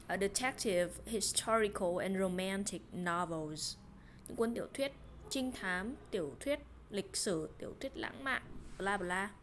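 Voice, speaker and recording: A woman's voice: mid-range voice, a little slow. Woman teacher going over english words, repeats them, faint hiss behind. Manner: explains words, repeats pronunciation, mutters soft asides. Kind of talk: casual language lesson.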